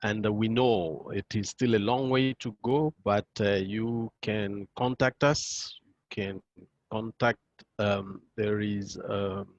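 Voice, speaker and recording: A man organizing an online meeting, thanking participants in a halting way with fillers. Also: fairly low pitch, steady tone, no room sound. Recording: dull lo-fi dry audio.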